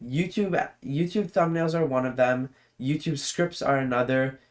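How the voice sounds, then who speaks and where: A man commenting casually on a video he is watching, rambling along with lots of filler words. He sounds easily impressed and talks in a plain, mid-pitched voice. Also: normal speed. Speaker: reaction video host.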